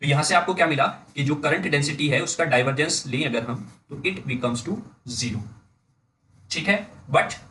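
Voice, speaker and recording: A man with an Indian accent giving an engineering lecture, dictating slowly word by word and often checking in with his students. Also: on the high side, sharp tone, slight background noise, poor audio. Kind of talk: blackboard-style lecture in mixed Hindi and English.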